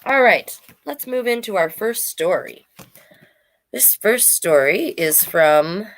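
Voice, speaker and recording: This woman has a medium-pitched, animated voice and speaks slowly. Hosting a storytime, she reads aloud to children and chats with listeners, tossing out questions and asides in a conversational way.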